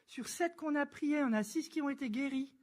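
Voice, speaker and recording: A woman giving a church testimony, telling her story in a lively, chatty way and acting out the dialogue. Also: high-pitched, normal speed. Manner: lively storyteller who acts out dialogue and laughs; chatty and informal, with frequent fillers.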